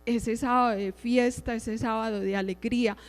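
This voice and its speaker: A middle-aged woman gives a religious talk in a fairly high voice, speaking conversationally and often asking her listeners "right?". Her voice rings with a long hall reverb. Soft music plays faintly underneath. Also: steady tone, moderate pace, clean tone. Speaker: lay preacher giving testimony. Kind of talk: religious teaching with personal testimony.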